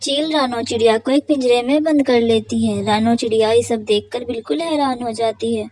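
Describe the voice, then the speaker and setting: A woman's voice: fairly high pitch, moderate pace, darkish tone, slight background noise. A woman narrating a children's cartoon story in a dramatic, moralizing storyteller manner.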